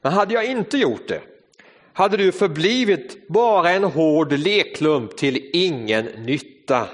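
A man voicing a calm, patient master potter who speaks quietly and steadily. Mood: gentle. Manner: quiet, low, unhurried. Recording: reverberant hall.

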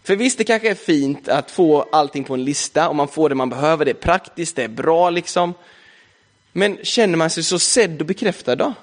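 Young man, fairly high voice, relaxed conversational sermon, lots of filler words. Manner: casual conversational preaching, frequent filler "liksom". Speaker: preacher.

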